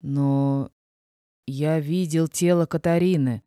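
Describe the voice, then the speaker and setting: A woman voicing a gruff, brooding male dragon with a low, hoarse growl and heavy, threatening delivery. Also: fairly even intonation, slow, dark tone, no room sound, studio quality. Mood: troubled.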